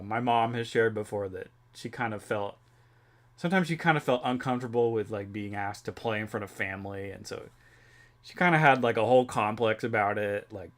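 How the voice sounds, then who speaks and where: A young man livestreaming, chatting casually with viewers in a rambling way with lots of fillers. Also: medium pitch. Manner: rambling, filler-heavy, reads chat aloud. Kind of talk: casual chat with stream chat.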